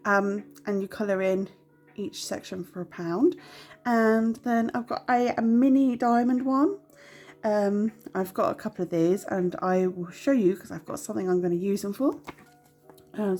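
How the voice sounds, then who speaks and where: Sick with a nasal, stuffed-up cold, a young budgeting vlogger talks to the camera from home in a chatty, meandering way, apologizing and saying um a lot. Her voice is mid-range with a darkish tone.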